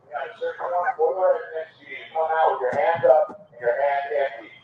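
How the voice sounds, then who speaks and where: A police officer's voice booms through a megaphone from far off, echoing hard around the street. He sounds thin and phone-like, as if caught on lo-fi body camera audio, repeating his commands slowly. The man's pitch sits rather high for a man. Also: steady tone, crowd noise. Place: outdoors by a house. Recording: echoey distant lo-fi bodycam audio.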